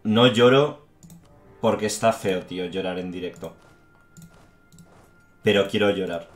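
A man's voice: low voice, steady tone, normal speed, roomy sound, soft background music. Swearing Spanish man in game commentary. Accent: Spain Spanish. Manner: frustrated, swears a lot, says "tío". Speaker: gaming YouTuber. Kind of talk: gameplay commentary.

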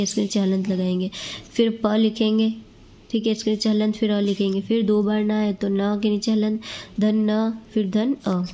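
A woman's voice: mid-range voice, warm tone. A woman teaching a grammar lesson to students. She explains step by step and keeps checking in with them.

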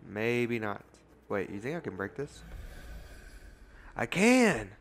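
Jumpy, swearing young gaming commentator. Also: male voice, lowish voice, normal speed, creaky, slight background noise. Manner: jumpy, swears a lot, yells when startled. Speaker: gaming YouTuber. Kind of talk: casual gameplay commentary.

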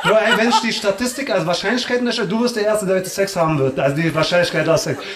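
A man's voice: high voice, fast talker. A man doing live stand-up crowd work on a comedy club stage, teasing the audience in slangy street talk. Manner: slangy and teasing, drops "Alter" and "Digga" constantly. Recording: echoey club room with loud hiss and clicks.

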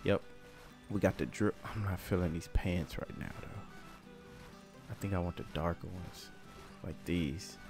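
Slangy low-voiced gaming commentator man. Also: unhurried, long pauses, music in the background. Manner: laid-back slangy talk that turns loud and hyped. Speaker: gameplay commentator.

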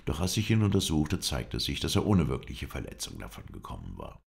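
Deep, gravelly man reading an audiobook. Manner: measured, expressive storytelling. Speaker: audiobook reader. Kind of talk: audiobook narration of an adventure novel.

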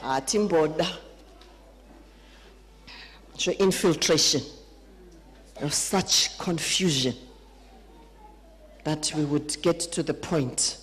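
A woman with a Zimbabwean accent preaching a conference sermon, emphatic, swinging between high peaks and low drops. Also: takes it slowly, long pauses, low-quality recording.

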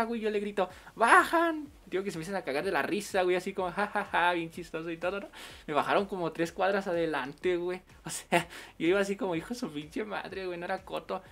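A man with a Mexican accent chatting casually on a game livestream, full of slang and quick laughs. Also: high voice, fairly bright tone. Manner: slangy, laughs often while storytelling. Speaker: game streamer.

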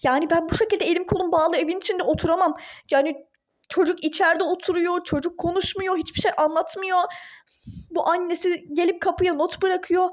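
A woman speaking briskly in a very high-pitched voice with fairly even intonation plays a furious young wife in a toy-game role-play drama. Her lines come as indignant, outraged exclamations.

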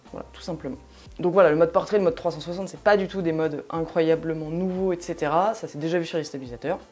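A woman's voice: lowish voice, darkish tone. A young woman hosting a casual tech demo, chatty and full of fillers as she shows how a device works. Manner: chatty, many fillers, demonstrates while talking. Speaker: tech video host.

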